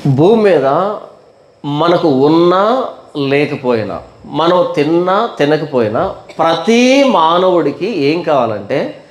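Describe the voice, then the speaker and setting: A man's voice: fairly high pitch, sing-song, slow pace, long pauses. A male pastor preaching a Bible study sermon, firing off rhetorical questions and stretching words for emphasis. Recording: echoey room.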